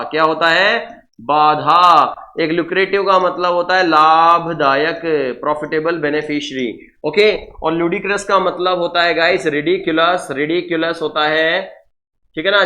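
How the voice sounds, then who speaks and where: His voice is high-pitched, bright and forceful as he leads an online exam-prep lesson on English vocabulary. Mixing Hindi with English, he repeats important words, addresses learners as "guys" and "sir," and keeps asking "okay?"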